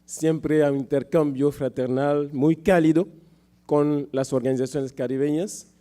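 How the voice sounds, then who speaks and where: A man giving a political speech as a panel speaker, with a sore throat he often clears and measured, halting phrasing. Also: fairly high pitch, fairly even intonation, warm tone.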